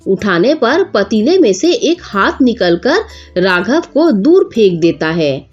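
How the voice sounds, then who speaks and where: A woman narrating a children's story slowly and expressively. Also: mid-range voice, very animated. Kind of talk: scripted narration. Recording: dull lo-fi with faint music.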